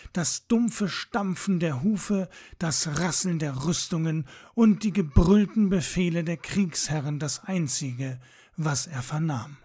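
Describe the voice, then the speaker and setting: A man reading a fantasy audiobook in a measured, dramatic storytelling manner. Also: on the high side, darkish tone. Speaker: audiobook narrator. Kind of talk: scripted fantasy narration.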